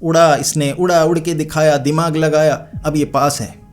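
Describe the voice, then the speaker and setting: A man's voice: fairly high pitch, level tone, moderate pace, faint music behind, voice pushed up, close to an everyday voice. A man voicing a pushy group of female witches who chant and egg each other on. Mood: jeering. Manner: chanting, egging on.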